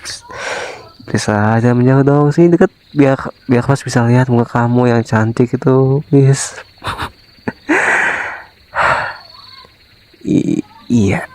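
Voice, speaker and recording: A man's voice: mid-range voice, gravelly, rough recording. A man playing a pleading young husband, whispered role-play. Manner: soft, pleading, sprinkles English phrases. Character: remorseful young husband pleading with his wife. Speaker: ASMR voice actor.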